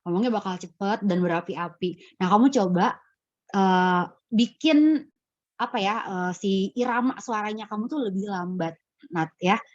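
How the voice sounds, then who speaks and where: A woman giving public speaking advice in a webinar Q&A, lively and playfully acting out example voices. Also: mid-range voice, moderate pace, dry recording, lo-fi sound. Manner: lively, acts out quotes with expressive voices.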